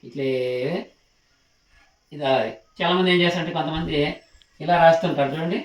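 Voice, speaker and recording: A male teacher giving a slow alphabet lesson, patiently repeating each sound and stopping to ask his learners questions while he writes. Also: on the high side, steady tone. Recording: roomy echo.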